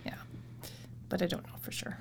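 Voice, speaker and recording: A woman from Georgia who grew up in Saskatchewan, chatting as a podcast guest. She laughs often and drops into soft, breathy asides. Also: moderate pace, in a whisper. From born in Georgia, USA, raised in Saskatchewan, Canada. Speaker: interview guest. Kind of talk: casual conversational interview.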